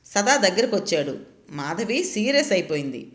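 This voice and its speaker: A woman narrates a story with expressive, lilting reading. Her pitch moves freely up and down. The room around her gives a clear echo. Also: normal speed. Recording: roomy echo.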